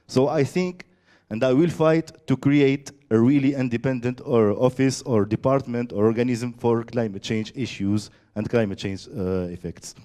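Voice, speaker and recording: A man giving a presentation, halting and searching for words with many fillers. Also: medium pitch, dark tone. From Tunisia. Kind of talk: conference presentation.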